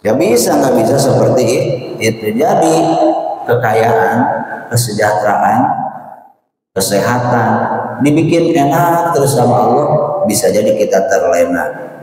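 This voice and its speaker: A man's voice: mid-range voice, a little slow, pauses often. Man preaching in an echoey hall. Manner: lively, joking, asks the crowd questions. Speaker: religious teacher. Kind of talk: sermon to a men's study group. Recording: echoey hall, distant mic, faint noise.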